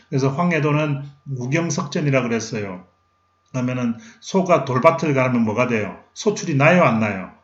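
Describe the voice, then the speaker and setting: Middle-aged man lecturing in a roomy hall. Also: a little high. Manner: asks questions and answers them himself, lively. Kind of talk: recorded history lecture. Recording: roomy, slightly dull lecture recording.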